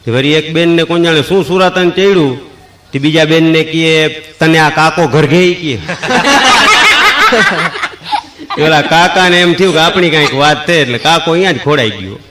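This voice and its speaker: A man's voice: a little high, fairly quick, very noisy. A man with a Kathiyawadi Gujarati accent telling folksy jokes on stage, mimicking characters and singing little snippets. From Saurashtra, Gujarat. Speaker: stand-up joke teller. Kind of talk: folksy comic storytelling.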